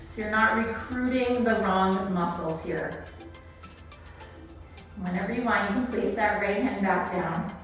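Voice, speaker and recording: A woman leading a workout as an aerobics-style Pilates instructor, cueing moves and counting down reps in an encouraging, instructive way. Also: mid-range voice. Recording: echoey room, distant, music behind.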